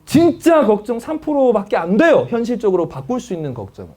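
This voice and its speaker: Animated man lecturing parents. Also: high-pitched, quick pace. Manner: lively, acts out family dialogues, often checks with the audience. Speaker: counselor giving a lecture on family psychology.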